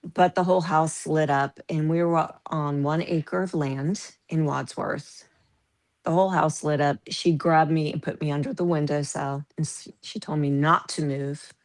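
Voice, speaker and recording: Low-pitched woman in her fifties, animated storyteller, laughs a lot. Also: a little slow. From US Midwest. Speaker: podcast guest. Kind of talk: casual storytelling.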